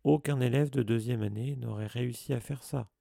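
Un homme qui joue un vieux directeur sage, qui parle d'une voix douce et calme. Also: male voice, medium pitch, fairly quick, creaky, no echo, studio quality. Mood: doux. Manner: soft-spoken, calm. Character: gentle wise old male headmaster.

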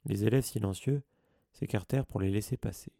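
A man reading an audiobook as narrator in a measured, steady scripted narration. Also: on the low side, dry recording, studio quality.

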